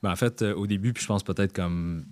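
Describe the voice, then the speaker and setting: A Québécois man with a very low voice, answering as a podcast guest. He talks in a relaxed, rambling way, full of fillers and restarts. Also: fairly quick. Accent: Québécois French. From Quebec. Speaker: guest entrepreneur. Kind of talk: casual interview chat.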